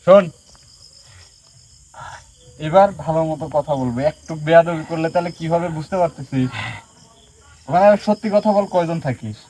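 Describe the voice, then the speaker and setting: A man's voice: on the high side, moderate pace, pauses often, mellow. A man working as a folk healer, interrogating a spirit in a stern, commanding and threatening way, in a noisy recording. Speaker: folk healer conducting an exorcism. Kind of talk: possession session.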